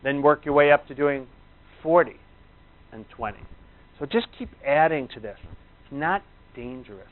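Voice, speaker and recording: A man's voice: on the high side, normal speed, long pauses. A man teaching breathing exercises informally to a class, reassuring and conversational. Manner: reassuring, conversational, checks in with "you know" and "right". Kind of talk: informal spoken instruction to a class. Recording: tinny, narrow phone-like sound.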